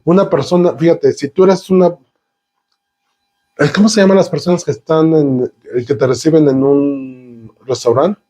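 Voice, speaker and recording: A man's voice: on the high side, steady tone, moderate pace, dark tone. A man preaching a sermon, piling up synonyms and rhetorical questions and drawing the congregation in. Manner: talks with the congregation, asking them questions.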